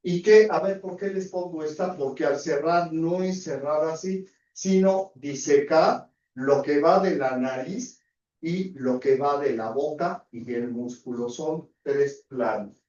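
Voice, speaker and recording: A man's voice: a little high, slow pace, darkish tone. A man with a Mexican Spanish accent, a surgeon giving a university anatomy lecture, constantly checking in with rhetorical questions. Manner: peppers talk with rhetorical questions, tag checks. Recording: echoey distant dull lecture hall audio.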